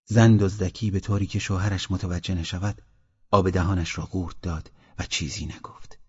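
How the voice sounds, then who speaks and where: A man from Mazandaran, Iran, calmly reading a short story aloud as an audiobook narrator. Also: deep voice, slightly rough. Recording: dull lo-fi audiobook recording.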